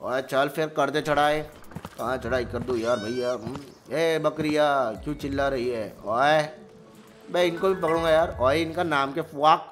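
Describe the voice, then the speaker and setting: A man giving playful gameplay commentary, excitable and joking, with frequent exclamations. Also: fairly high pitch, normal speed. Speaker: gamer.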